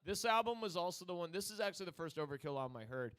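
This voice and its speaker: A man's voice: sits high, lively intonation, racing, fairly bright tone, smooth. A man with a New Jersey accent, co-hosting a casual chat about metal albums and rambling through jokes and side stories. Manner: rambling, joking, with exaggerated quoted voices. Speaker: podcast co-host.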